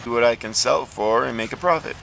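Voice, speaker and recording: Filming on a handheld phone, a man vlogs casually about his flea market finds as a reseller, speaking plainly with many ums and restarts. His mid-range voice is fast, creaky and a bit bright, with a little hiss or hum in the recording.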